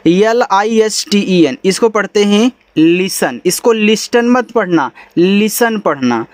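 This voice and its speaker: Unhurried and very animated, a man with a high voice explains English spelling and pronunciation with patience. He keeps it casual and warm, calling listeners bhai and yaar, and the audio has no echo.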